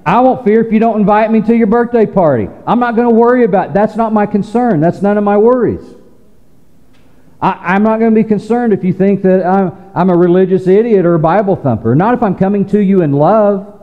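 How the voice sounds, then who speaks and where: A man preaching a sermon as pastor, conversational with playful teasing asides and quick restarts. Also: high-pitched, long reverb tail, muffled recording. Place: church sanctuary.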